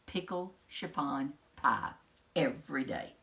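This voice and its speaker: A woman with a rumbling, low voice reads a children's story aloud slowly, in an expressive storytelling style. She adds dramatic emphasis and throws in casual asides.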